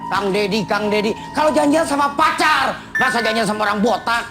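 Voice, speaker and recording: A man playing a gravelly shouting street thug. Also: high-pitched, a little fast, loud music behind the voice. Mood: demanding. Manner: shouting, demanding, rough. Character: loud pushy male street thug. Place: TV studio.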